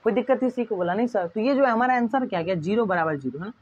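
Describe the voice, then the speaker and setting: Husky, chatty male math teacher. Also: sits high, animated, fast, dull audio. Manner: chatty, jokey, constantly checking understanding. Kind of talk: casual exam-prep lesson.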